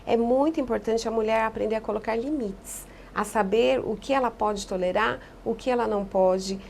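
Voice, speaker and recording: A woman psychologist giving calm, explanatory answers in a podcast interview, often echoing key phrases. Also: on the high side, moderate pace, gravelly, slight background noise.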